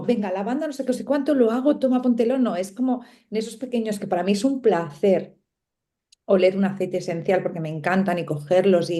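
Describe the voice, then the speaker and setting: A woman's voice: fairly low pitch, warm tone. A middle-aged woman with a Spain Spanish accent, talking reflectively as a guest in a casual panel conversation, often tagging her points with a questioning "no?". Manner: reflective, lots of tag questions and small laughs.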